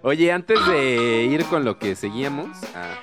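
Male Mexican co-host, animated casual entertainment chat, very varied intonation, faint music bed. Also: mid-range voice, a little slow. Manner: animated, colloquial, acting out quotes. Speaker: co-host of an entertainment talk show.

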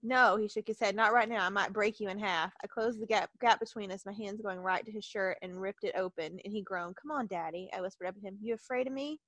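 A woman's voice: medium pitch, fast, few pauses, fairly bright tone, dry recording. A woman reading fan fiction aloud on a podcast, giggling and breaking off in embarrassment. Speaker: podcast co-host.

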